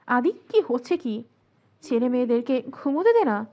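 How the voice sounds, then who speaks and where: A woman's voice: on the high side, sing-song, normal speed, dull audio, voice pushed down. A woman voicing a tearful young woman in an audio story. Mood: scolding. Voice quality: tearful, pleading.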